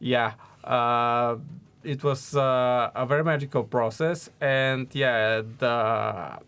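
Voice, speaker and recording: A man, a game designer, chatting casually on a dev stream, hesitant but with quick bursts of speech. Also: mid-range voice, steady tone, fairly bright tone, clean tone.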